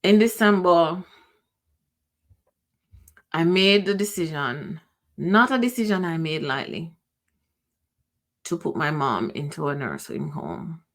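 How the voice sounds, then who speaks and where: This middle-aged podcast host has a Jamaican accent and a low, animated voice. Reflecting personally and emotionally, she pauses a lot, begins sentences over, and lets a few fade out unfinished.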